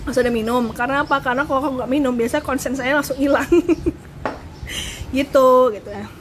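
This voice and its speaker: A young woman hosting a casual live stream, chatty and giggly, answering viewer questions and admitting she talks too fast. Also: high voice, steady tone. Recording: noisy live stream audio.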